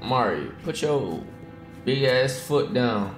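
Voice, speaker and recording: A brash, profane male streamer jokes with his chat during casual game commentary. His voice sits at a middling pitch and rings in a roomy, echoey space, with faint game music underneath. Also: lively intonation, slow. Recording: roomy echo.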